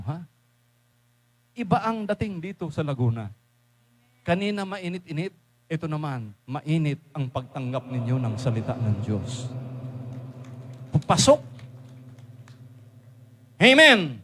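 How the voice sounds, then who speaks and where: A man with a Filipino accent preaching a sermon, swinging from hushed asides to loud exclamations and mixing English phrases into his talk. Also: on the high side.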